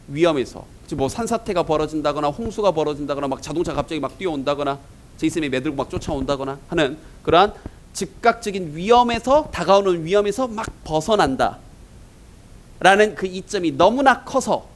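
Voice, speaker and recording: A man's voice: fairly high pitch, a little hiss or hum, low-quality recording. A man teaching an English exam-prep lecture in Korean, asking his students rhetorical questions as he goes.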